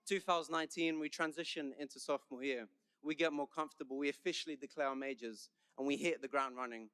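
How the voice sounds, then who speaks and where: Smooth-voiced young London man. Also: fairly high pitch, a bit bright, dry recording, studio quality. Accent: London English. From London, England. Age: young adult. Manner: chatty, joking and conversational. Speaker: senior class speaker. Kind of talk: commencement speech.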